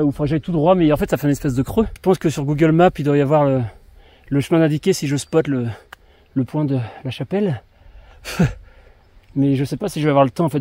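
A French vlogger narrates his outdoor trip on camera, thinking aloud and exclaiming at birds of prey along a mountain trail. His voice is on the high side and warm, captured dryly by an action camera or smartphone in casual travel-vlog style.

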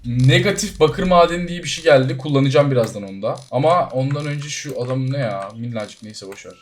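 A male gaming YouTuber narrates his gameplay in a casual, excitable manner, fairly quickly, speaking right to his viewers. He shifts back and forth between shouts of surprise and low mumbles.

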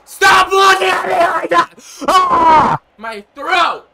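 A young man giving casual, profane commentary on his own gameplay from a small room, rambling and often breaking into loud yells. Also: extremely high pitch, expressive, takes it slowly, vocal fry. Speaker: gaming streamer.

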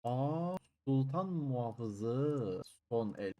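A man hosting a let's play, chatting to his viewers and loudly cursing and shouting at the enemies in fights as he plays. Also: mid-range voice, expressive, drawn-out words. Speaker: gaming channel host. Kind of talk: let's play gameplay commentary.

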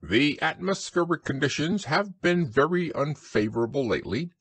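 A man's voice: fairly high pitch, animated, normal speed, a bit bright, breathy edge, pitched above the performer's own voice. A man voicing a pompous, long-winded storybook owl in a wordy, pedantic, self-important manner. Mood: pompous, explaining.

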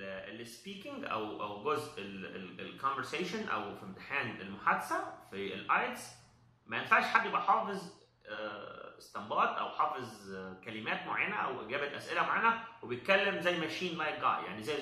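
A man with an Egyptian Arabic accent, explaining an English test as an instructor, pausing often on drawn-out "uh" fillers and mixing in English terms. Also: mid-range voice, big pitch swings, bright, forceful tone, roomy sound. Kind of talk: explanatory talk.

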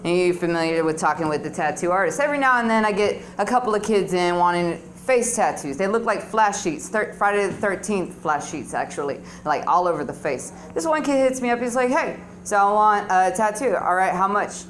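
Animated and a little fast, with hardly any pauses, a middle-aged woman's medium-pitched voice carries her open-mic stand-up set of crude, slangy, conversational stories. She's on a small, dim indoor comedy club stage with a handheld mic, filmed on a phone close below, and there's a little hiss or hum.

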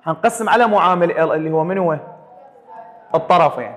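A man's voice: on the high side, brisk, a bit bright, long reverb tail. A man with an Iraqi Arabic accent teaching a math lecture, firing questions at his students and repeating them for the class to answer. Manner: quizzes students with repeated call-and-response questions.

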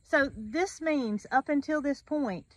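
A woman's voice: high voice, takes it slowly, no echo. Woman host summing up points. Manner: affirming, sums up the guest's points. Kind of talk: casual outdoor interview. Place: outdoors by a metal barn wall.

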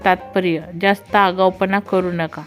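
A woman's voice: lowish voice, level tone, moderate pace, a bit bright. Marathi woman telling jokes over music. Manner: reads jokes with brief character voices and light laughter. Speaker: joke narrator. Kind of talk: reading jokes aloud. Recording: faint background music.

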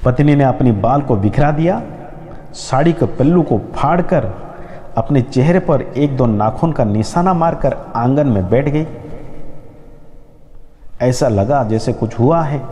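A man narrating a moral story in an expressive, dramatic storytelling manner. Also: mid-range voice, long reverb tail.

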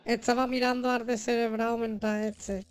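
A woman's voice: a little high, flat delivery, normal speed, clean tone. A woman with a Spain accent chatting casually as she streams a video game, slangy, joking and foul-mouthed. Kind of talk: casual gaming livestream chat. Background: video game music.

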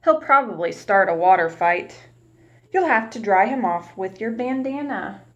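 In a small room at home, a young woman reads a picture book to little children into a webcam at arm's length, the highs cut off. She's warm and teacherly, asking questions and pausing as a preschool teacher would. Her voice is mid-range and expressive.

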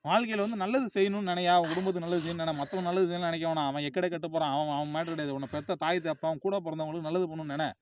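A man out on a road, loudly lecturing a crying friend, repeating himself as he scolds. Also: on the high side, fairly even intonation, racing, few pauses, lo-fi sound. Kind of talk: heated roadside scolding. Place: on a road outdoors.

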